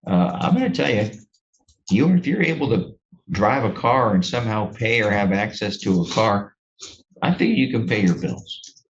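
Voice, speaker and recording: A man serving as a judge, sentencing a defendant from the bench in a courtroom, blunt and lecturing, with halting restarts. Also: on the low side, expressive, muffled recording.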